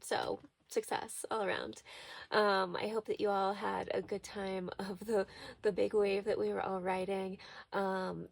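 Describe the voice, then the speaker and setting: Very creaky-voiced woman in a small trailer. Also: medium pitch, darkish tone, no echo. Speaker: tarot reader and host. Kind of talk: casual spiritual check-in to viewers.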